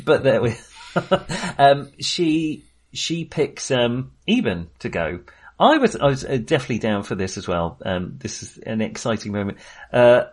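A male podcast co-host chats casually about film in a mid-range voice, meandering and hesitating as he goes and often chuckling.

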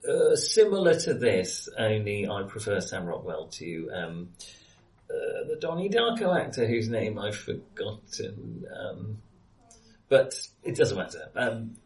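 A film podcast host with a lowish, sing-song voice talks about films casually and unhurriedly. He often hesitates and corrects himself along the way. The recording sounds roomy and echoey.

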